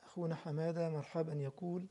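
High-voiced fast-talking Egyptian preacher. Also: male voice, flat delivery, mellow. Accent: Egyptian Arabic. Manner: earnest, addresses listeners directly and repeats points. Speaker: religious teacher. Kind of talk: religious lesson and live Q&A.

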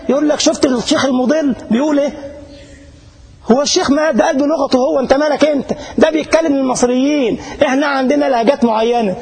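A man's voice: very high voice, gravelly, a little mellow, slightly rough, poor audio. A man with an Egyptian accent who is a sheikh giving a casual religious lesson to a live audience in Germany. He chats, jokes and keeps asking his listeners whether they follow. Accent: Egyptian Arabic. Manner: chatty and joking, addresses listeners directly, asks checking questions. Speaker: sheikh teaching a religious class. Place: class in front of an audience in Germany.

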